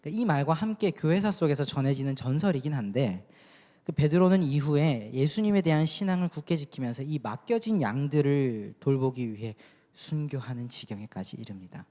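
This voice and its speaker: Mellow male preacher in a reverberant church. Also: mid-range voice, animated, brisk. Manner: conversational, asks the congregation questions. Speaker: youth pastor. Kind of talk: sermon. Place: church sanctuary. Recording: long church hall reverb.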